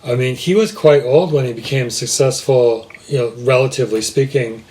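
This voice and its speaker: A man co-hosting a podcast, speaking in a relaxed, measured way while reading out facts. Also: medium pitch. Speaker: podcast co-host. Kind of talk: casual chat.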